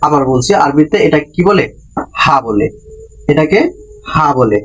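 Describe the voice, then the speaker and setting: A man's voice: fairly high pitch, lively intonation, unhurried, fairly bright tone, a little hiss or hum. A man teaching a class, patiently explaining each point and repeating questions back to the listener. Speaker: Japanese language teacher. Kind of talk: classroom-style lesson explanation.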